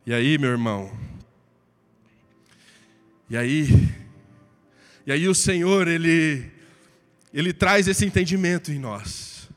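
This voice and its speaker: A man with a Brazilian Portuguese accent preaching a sermon, impassioned, swinging from loud to hushed. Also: a little high, lively intonation, slow, pauses often, big-room sound, faint music behind.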